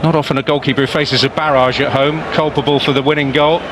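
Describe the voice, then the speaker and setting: A man giving dramatic, excitable live play-by-play football commentary over a noisy stadium. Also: fairly high pitch, fast talker. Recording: loud stadium crowd noise over voice. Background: roaring stadium crowd.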